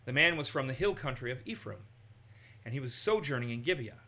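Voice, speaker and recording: A man from Massachusetts teaches a conversational Bible study in a brisk, medium-pitched voice. He's animated, acting out the quotes in raised voices.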